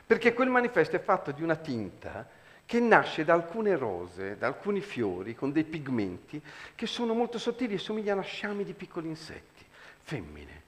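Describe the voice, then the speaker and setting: A man telling anecdotes on stage in a lively, chuckling way. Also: a little high, moderate pace. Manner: animated, chuckling storytelling. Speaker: storyteller, performer.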